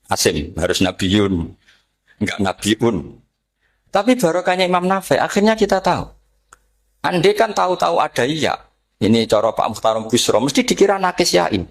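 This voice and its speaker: Man, middle-aged, Islamic preacher, religious lecture, slow chanted Arabic quotes. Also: mid-range voice. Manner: explains Quranic readings, chanting Arabic phrases slowly, mixing in Javanese asides.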